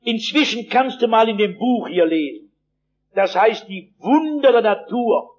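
A preacher doing a hurried old professor. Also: male voice, sits high, lively intonation, muffled recording. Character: brisk, awkward older male science professor.

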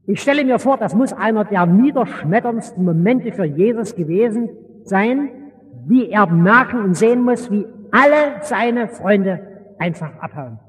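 A man preaching a sermon, retelling a Bible story in a vivid, colloquial way and swinging between loud and hushed. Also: sits high, animated, measured pace. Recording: long reverb of a large hall.

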